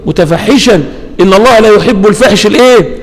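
High-voiced Egyptian preacher in a reverberant hall. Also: male voice. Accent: Egyptian Arabic. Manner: asks the audience rhetorical questions and answers them himself; recites scripture slowly and drawn out. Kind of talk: Egyptian colloquial sermon.

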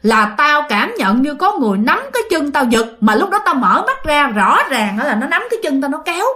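A woman's voice: sits high, sing-song, brisk, bright, forceful tone, full character voice. A woman voicing a startled male construction worker who bluntly retells being dragged off scaffolding at night. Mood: shaken, indignant. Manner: agitated, blunt slangy retelling.

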